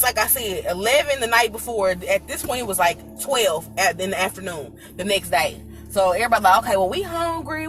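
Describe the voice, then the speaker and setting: A young woman telling a story casually to her viewers, animated and laughing, calling them y'all. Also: a little high. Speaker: channel host telling her birth story.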